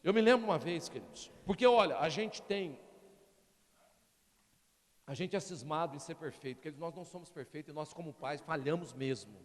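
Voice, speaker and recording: A middle-aged man preaching from the pulpit, his pitch swinging widely as he keeps calling out to the congregation. His voice sits a little high for a man, and it rings out with a long reverb in a church hall. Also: brisk. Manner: animated preaching, constant appeals to the congregation. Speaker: pastor. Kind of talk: sermon.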